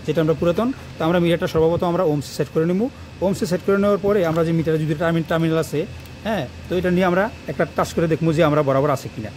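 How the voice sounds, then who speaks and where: Male electrician, fast and repetitive on a phone mic, faint noise behind. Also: fairly high pitch, darkish tone. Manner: fast, rambling, repeats himself while working. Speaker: electrician teaching wiring on his channel. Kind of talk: hands-on tutorial talk to camera. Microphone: phone camera propped nearby.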